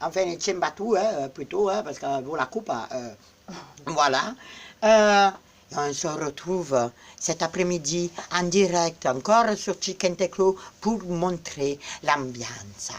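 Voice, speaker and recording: A woman with a lowish voice talks unhurriedly on a phone live stream from her small shop. She teases and mock-insults her viewers in a playful, joking way. Her delivery is relaxed and drawn out. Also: slow. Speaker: shop owner promoting a Halloween event.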